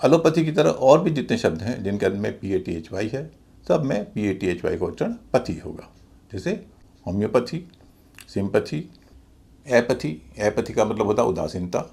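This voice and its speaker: A man teaching English pronunciation, spelling out letters and syllables slowly and deliberately in a scripted lesson. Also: on the low side, gravelly, darkish tone.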